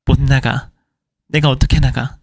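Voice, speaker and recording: A man's voice: medium pitch, little pitch movement, measured pace, vocal fry, no room sound, clean studio sound. A man voicing a furious middle-aged wife who fires indignant questions at her husband, in a storytelling reading. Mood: shocked.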